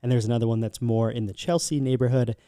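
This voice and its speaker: A man's voice: mid-range voice, steady tone, fast talker, dark tone, dry recording, studio quality. An American man co-hosting a podcast, chatting casually as he gives travel recommendations. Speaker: podcast co-host.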